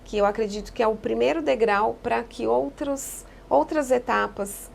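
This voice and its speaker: A woman psychologist giving calm, explanatory answers in a podcast interview, often echoing key phrases. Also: fairly high pitch, normal speed, gravelly, a little hiss or hum.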